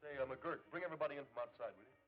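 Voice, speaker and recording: An actor playing a brisk, wry young man in a 1930s film serial. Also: a little high, heavy background noise, close to an everyday voice. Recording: dull old film soundtrack.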